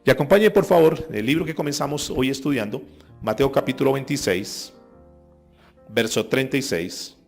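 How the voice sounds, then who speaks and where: A man preaching a sermon as pastor, moving between quiet reflection and loud emphatic passages. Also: mid-range voice, normal speed, creaky, soft background music.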